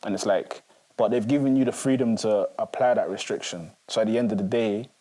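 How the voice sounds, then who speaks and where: This podcast co-host, a man in his twenties, has a fairly quick, dark voice on the low side. His talk is casual and reflective, wandering along with many fillers as he thinks out loud.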